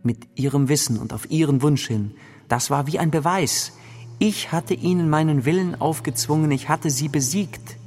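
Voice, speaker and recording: A man's voice: fairly high pitch, normal speed, long reverb tail. A man giving a tense, dramatic first-person narration of a story. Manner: tense, dramatic reading with sudden loud outbursts in quoted cries.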